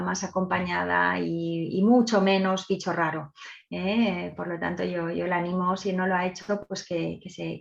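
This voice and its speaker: A woman moderates a round table and keeps it moving with soft, hesitant phrasing. Her pitch is middling. The recording sounds a little dull. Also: gravelly. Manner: warm, hesitant, many "eh" fillers.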